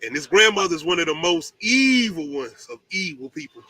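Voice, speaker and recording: A man's voice: on the high side, big pitch swings, fairly quick, bright, forceful tone. A man hosting a casual top ten countdown show about movies, talking in a slangy, emphatic way with some swearing.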